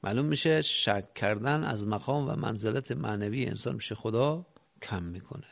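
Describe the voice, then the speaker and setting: Gravelly-voiced man giving a religious lecture. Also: fairly low pitch. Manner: explains step by step, asks rhetorical questions; recites phrases in classical Arabic. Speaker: cleric teaching religious text.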